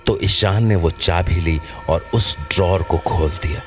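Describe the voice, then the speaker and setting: The scripted horror story comes from a male narrator with a very low voice, speaking without hurry. Background music is plainly audible throughout.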